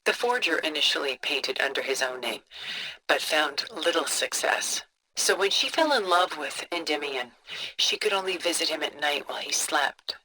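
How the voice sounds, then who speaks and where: This video game character, a composed, cultured older woman who collects art, is played by an actress with a deep voice and lively intonation, though the audio is poor. Her delivery stays refined, measured, and contemplative, with soft breathy endings and a reflective, admiring mood. She narrates like a museum guide telling stories.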